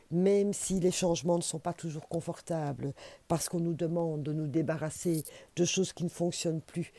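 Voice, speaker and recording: A woman's voice: low-pitched, dark tone, dry recording. A woman with a Belgian French accent, giving a chatty, encouraging oracle card reading to camera and repeating herself for emphasis. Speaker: intuitive oracle card reader.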